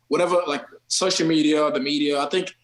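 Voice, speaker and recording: A man's voice: fairly high pitch, fairly even intonation, brisk, roomy sound, low-quality recording. A man from Kenya, a guest on a podcast, talking loosely in slang and calling everyone bro and man. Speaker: podcast guest, TikTok creator. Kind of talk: casual podcast chat.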